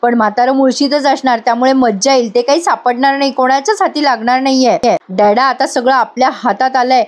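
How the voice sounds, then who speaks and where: Woman voicing a drunk, scheming young woman. High, loud, boastful. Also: brisk, few pauses, lightly acted. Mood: gloating. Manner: loud, boastful, slurred celebrating.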